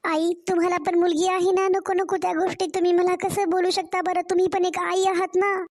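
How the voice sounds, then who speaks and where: A woman's voice: very high-pitched, little pitch movement, fairly quick, darkish tone. A woman voicing a young, mistreated daughter-in-law in a cartoon story, pleading. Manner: pleading, complaining.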